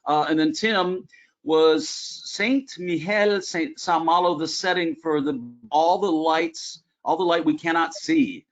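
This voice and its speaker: A man hosting a webinar in a chatty, upbeat voice with lots of "uh"s. His pitch sits a little high for a man. The sound is dull and lo-fi, coming over a video call. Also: fairly even intonation, slow. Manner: chatty, upbeat, many filler "uh"s. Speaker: webinar host. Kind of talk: casual webinar presentation. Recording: dull lo-fi online call audio.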